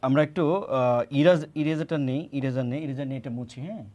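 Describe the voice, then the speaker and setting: A man's voice: medium pitch, quick pace, dark tone. A man giving an exam-prep grammar lesson, often repeating key words and asking and answering his own questions. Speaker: teacher.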